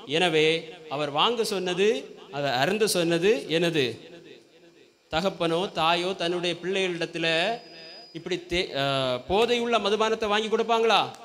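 A man's voice: high voice, slow pace, long pauses, fairly bright tone. A man preaching a Sunday sermon in a church, often asking the congregation questions and prompting them to call back. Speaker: pastor.

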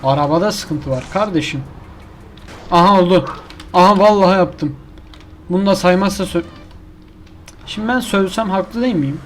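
Gaming commentator, male, higher pitch, frustrated self-talk, slight background hiss. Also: normal speed, long pauses. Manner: exasperated, complaining, talks to himself and the game. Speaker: gaming YouTuber. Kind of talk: casual gameplay commentary.

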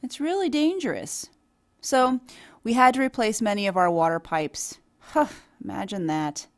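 A woman reading an English voice-over for a signed conversation, explaining things in a steady storytelling way. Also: medium pitch, normal speed. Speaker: voice-over for a signing speaker. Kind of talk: scripted dialogue voice-over.

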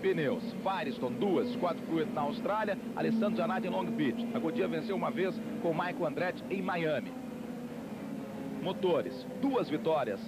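A man's voice: a little high, animated, moderate pace. A Brazilian man giving live motorsport commentary on TV, emphatically repeating positions and lap counts. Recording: noisy old TV broadcast, loud car noise.

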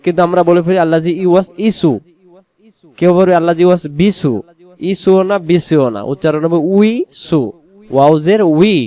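A man teaching correct pronunciation word by word, drawing out slow syllables and repeating each word. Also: high-pitched, mellow, clear, resonant tone. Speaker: Quran recitation teacher.

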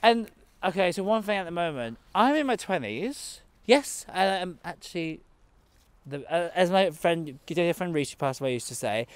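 A man in his twenties, sassy and over the top, vlogs into a close-held phone while strolling past outdoor zoo enclosures. He speaks at a moderate pace in a high, clean voice with big pitch swings, and the recording is dry. His camp comedic patter is aimed at both the animals and the camera.

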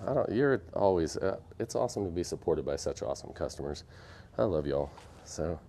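Speaking in a deep, mellow voice that's animated and a little fast, a young man demonstrates epoxy on a live stream from his workshop. He chats casually with viewers and jokes at his own expense, recorded on a phone camera.

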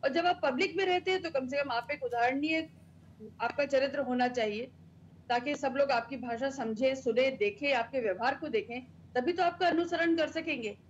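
A woman panelist in a televised debate, speaking in a measured, moralizing way and leaning on old sayings. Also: sits high, dull audio, a little hiss or hum. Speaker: party spokesperson panelist.

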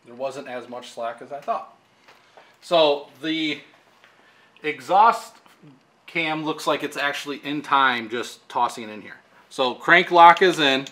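Indoors in an engine workshop with a pegboard wall, a technician in his thirties gives a hands-on demo of engine timing, explaining casually with plenty of fillers. His voice is a little high and sharp, and he speaks slowly.

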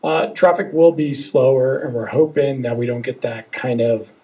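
A man's voice: mid-range voice, moderate pace, mellow. A man in his forties, a transportation engineer at a town hall podium with a handheld mic, explaining plans in a conversational way with plenty of fillers. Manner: conversational, hedging with fillers, reassuring. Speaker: transportation engineer answering questions. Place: meeting room, indoors.

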